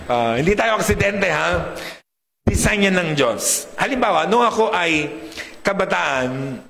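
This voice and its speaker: Deep-voiced preacher man, lively and joking. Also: slow, vocal fry. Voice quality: deep, big voice. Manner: lively, joking with the congregation, mixing Tagalog and English. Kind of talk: sermon. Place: church hall. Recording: reverberant hall.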